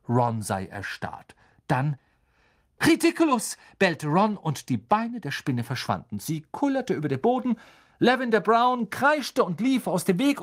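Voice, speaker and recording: Casting: male storyteller, lively and dramatic, with a melodic, wide-ranging pitch in scripted narration. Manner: expressive, dramatic reading with many voice shifts. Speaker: audiobook narrator.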